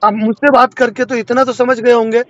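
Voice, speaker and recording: A man playing a lawyer on the phone explains a loan default, insistently persuasive and repeatedly asking to be heard. His very high-pitched voice is fairly quick, a bit bright and flat in delivery, with no echo on the dull, lo-fi call.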